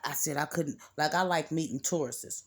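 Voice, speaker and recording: A woman's voice: low-pitched, normal speed. A woman giving a casual, rambling reading to her viewers, blunt and cursing freely. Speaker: card reader.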